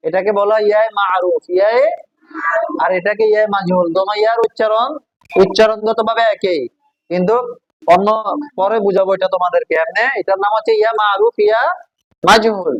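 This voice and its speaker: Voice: medium pitch, lively intonation, fairly quick, no room sound, dull audio. A Quran teacher, patiently drilling a class on letter sounds and asking them questions. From Bangladesh. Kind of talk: classroom call-and-response drill.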